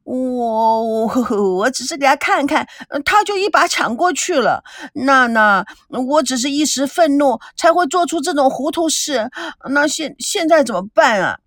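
A woman's voice: high voice, animated, moderate pace, few pauses, a bit bright, dry recording, studio quality, pitched above the performer's own voice. A woman voicing a jealous, guilty woman who stammers, whines and pleads in an audiobook. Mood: whiny, evasive. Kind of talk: audiobook character reading.

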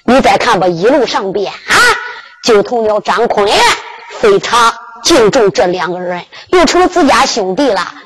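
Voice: mid-range voice, lively intonation, moderate pace, slight background noise, low-quality recording. A storyteller with a Henan accent, chanting and narrating a Henan zhuizi tale.

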